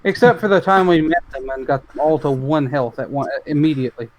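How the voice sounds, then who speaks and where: A man co-hosting a casual podcast with a slightly raised pitch. He trades laid-back, joking remarks about old tabletop games. His delivery is relaxed and conversational. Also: a little fast, rough recording. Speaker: podcast co-host and tabletop player. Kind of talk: casual chat.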